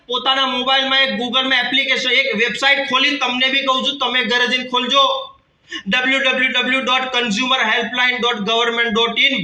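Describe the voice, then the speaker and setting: Man around 30, Kathiawadi Gujarati accent, very high sharp voice, jokey seminar speaker, echoey hall, distant mic. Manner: jokey, calls out to the audience. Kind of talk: motivational stage talk. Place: hall with an audience.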